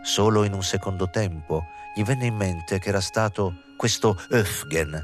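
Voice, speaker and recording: A man narrating a literary novel as an audiobook in a measured, even way. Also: deep voice, faint music behind. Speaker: audiobook reader.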